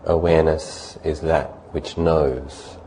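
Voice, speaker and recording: A meditation teacher gives calm, guided instruction in a very low voice with soft edges. He keeps his phrases short and unhurried, pausing at length between them. Faint ambient noise can be heard behind him.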